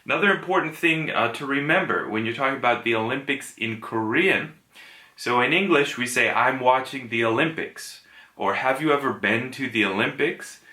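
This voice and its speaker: A man gives an online language lesson in a bright, clear voice. He explains patiently, leans on "uh" between thoughts, and stretches out the sounds he wants learners to copy. The room around him is echoey. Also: medium pitch. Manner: explains patiently, many "uh" fillers, repeats key sounds slowly. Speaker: Korean language teacher.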